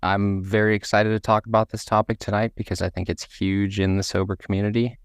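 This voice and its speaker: A playful man from South Texas, a podcast guest with a low, gravelly voice. He jokes easily in a casual tone. The sound is dry and close. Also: little pitch movement, brisk, no echo. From South Texas, USA. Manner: playful, joking.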